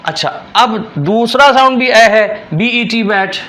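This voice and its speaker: A man's voice: extremely high pitch, expressive, slow, sharp tone. A man from Pakistan with a Karachi Urdu accent, teaching a shorthand lesson, patiently repeating words and spelling them out letter by letter. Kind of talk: classroom-style lesson.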